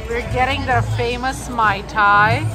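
A woman's voice: a little high, steady tone, measured pace, over music. A woman co-hosting a food vlog, chatting casually and cheerfully about the meals and drinks. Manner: upbeat, chatty, loose fillers. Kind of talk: casual food review chat.

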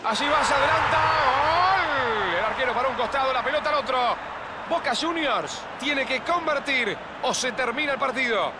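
A man playing an excitable video game football commentator, calling goals with drawn-out shouts and rapid repeats over stadium noise. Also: extremely high pitch. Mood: excited. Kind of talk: excited goal commentary of a penalty shootout. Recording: clear stadium noise behind.

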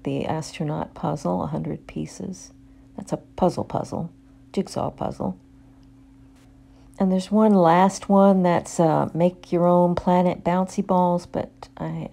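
A woman chatting casually through a store as she films with her phone, pausing often with ums and uhs. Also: on the low side, creaky, dark tone. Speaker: shopping vlogger. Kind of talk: casual shop-with-me narration. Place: store aisle, handheld phone camera.

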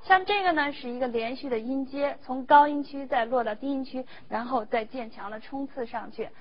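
Female music teacher, higher voice, measured explanatory delivery; dull recording, faint instrument behind. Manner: measured, explanatory, demonstrates between phrases.

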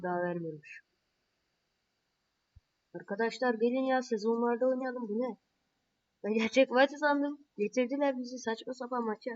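A woman playing a mobile football game, calling her own plays and reacting with excited and frustrated outbursts. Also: mid-range voice, muffled recording, a little hiss or hum.

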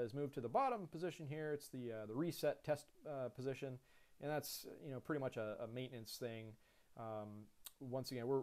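A man in his thirties, an airline pilot, giving a relaxed screen-share lesson on cockpit controls, with lots of fillers and restarts. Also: medium pitch, clean tone.

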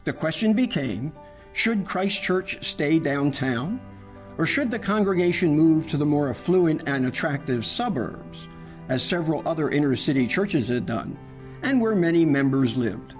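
A man giving calm, measured scripted narration for a church history documentary. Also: on the high side, soft background music.

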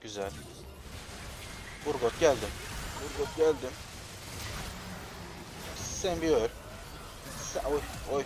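Young male streamer, mid-pitched, explosive and frustrated, game music underneath. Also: slow pace, long pauses. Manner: excitable, frustrated outbursts, shouting at teammates. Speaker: gamer streaming gameplay. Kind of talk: live gameplay commentary.

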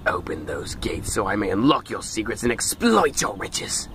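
A man's voice: on the low side, very animated, moderate pace. A young man switching into an impression voice of a scheming, greedy, pompous old duke, recorded in a car. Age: young adult. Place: inside a car. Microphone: phone at arm's length. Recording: faint vehicle noise.

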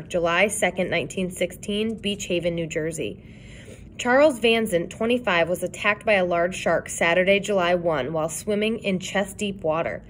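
A woman reading a novel aloud in an even, clear narrating voice. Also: mid-range voice, slight background noise. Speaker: reader.

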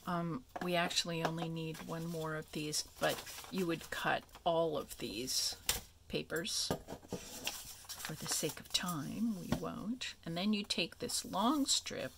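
A woman hosting a craft tutorial, explaining each step in a relaxed, chatty way with many ums and asides. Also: low-pitched, slow, gravelly, background noise. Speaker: craft video host.

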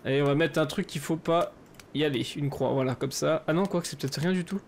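A man commentating his solo survival game, chatty and rambling with many fillers, often breaking into excited shouts. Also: fairly high pitch, fast talker, a little hiss or hum. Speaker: gaming YouTuber.

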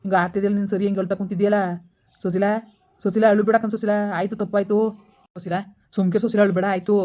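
A woman voicing a jealous, remorseful village husband, scolding and then coaxing in rapid speech. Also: mid-range voice, level tone, dark tone, natural voice.

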